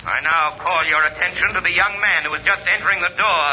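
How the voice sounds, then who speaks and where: A man's voice: sits high, steady tone, quick pace, close to an everyday voice. A man playing a mysterious, menacing crime fighter in theatrical 1930s radio drama style, grave and declamatory. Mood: denouncing. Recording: muffled, noisy 1930s radio broadcast.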